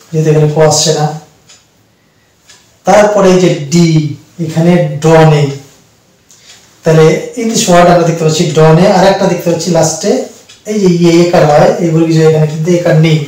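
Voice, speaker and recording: Bengali male teacher, slow patient explainer, fairly high voice, very roomy distant sound. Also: dark tone. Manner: slow, repetitive explaining to students. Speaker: English teacher. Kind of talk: spoken lesson. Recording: very echoey room, distant mic.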